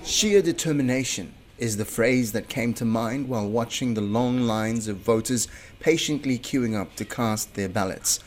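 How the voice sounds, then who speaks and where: A man's voice: medium pitch, moderate pace, few pauses. A man working as a radio reporter, narrating a scripted news report.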